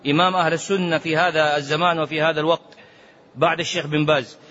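A man with a high-pitched voice delivers a religious lecture, pressing his points with colloquial rhetorical questions and repeated words. He chants quoted sayings in a slow sing-song and drops into quiet muttered asides. The recording sounds dull and lo-fi. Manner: animated, swings from loud emphasis to low muttering asides. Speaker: Islamic scholar giving fatwas.

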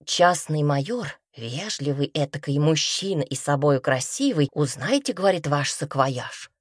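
A low, husky woman tells a first-person folk tale in a chatty, colloquial way. She acts out the people she quotes. The recording is close and dry, with no room sound. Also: dry recording. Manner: folksy, chatty storytelling, acting out quoted speech. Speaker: reader.

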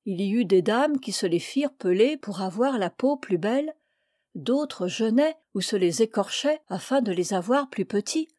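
A woman reads an old fairy tale aloud in a clear, measured way. Her voice is mellow and warm-toned, at a middle pitch. The recording is close and dry. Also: lively intonation, no room sound. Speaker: reader of fairy tales. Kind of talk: storybook reading.

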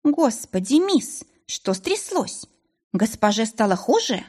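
A woman's voice: on the high side, sing-song, slow pace, darkish tone, pitched above the performer's own voice, exaggerated voice. A woman reading an audiobook, voicing a stern, blunt older housemaid who grumbles. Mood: grumbling.

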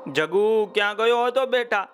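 A man's voice: high-pitched, a little slow, faint music behind, voice pushed up. A man voicing a loving, tender old grandmother who speaks affectionately in a children's story.

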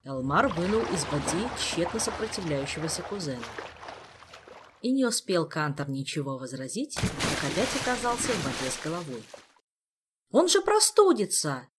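Expressive male audiobook reader. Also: on the high side, normal speed, heavy background noise. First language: Indonesian. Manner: expressive, lively storytelling. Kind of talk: audiobook narration.

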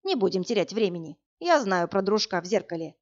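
A woman's voice: mid-range voice, big pitch swings, fairly quick, highs cut off. A woman voicing a stern, sarcastic old male sorcerer who talks in a dry, curt, mocking way. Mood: gruff, sarcastic.

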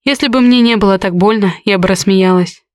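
A woman reading the lines of a brooding, harsh young man in an audiobook, in a low, curt, growling voice. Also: a little fast, no room sound, studio quality, natural voice. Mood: grim.

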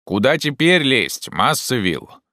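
A man voicing a simple, cautious male servant who calls out in a slow, drawn-out way. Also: mid-range voice, sing-song, bright, forceful tone, no echo, clean studio sound, voice pushed up, full character voice. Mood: calling out.

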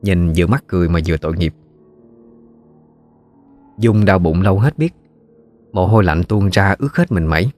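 A man with a Southern Vietnamese accent narrating a ghost story in a steady, folksy way. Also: deep voice, moderate pace, pauses often, faint music behind.

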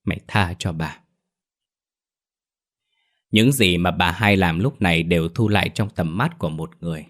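Very low-voiced man narrating a ghost story. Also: a little fast, few pauses. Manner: voices every character himself.

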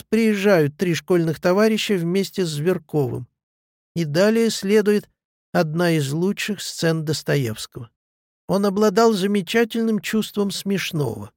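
A man reading a literature lecture aloud in a measured, analytical way. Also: high voice, darkish tone, no echo, clean studio sound.

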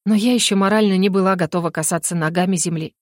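A woman narrating a first-person fantasy audiobook in a lively, ironic way. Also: fairly low pitch, quick pace, no echo, studio quality.

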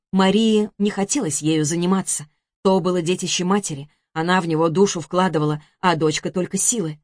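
Женщина-рассказчица, аудиокнига, спокойная выразительная подача, без эха. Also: female voice, on the low side, a little mellow, dry recording, studio quality. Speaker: audiobook narrator. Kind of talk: scripted narration.

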